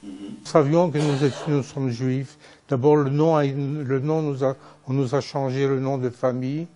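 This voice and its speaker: Mellow older man, halting testimony. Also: mid-range voice, steady tone. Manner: slow, halting. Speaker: interviewee, former hidden child. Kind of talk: recalled testimony.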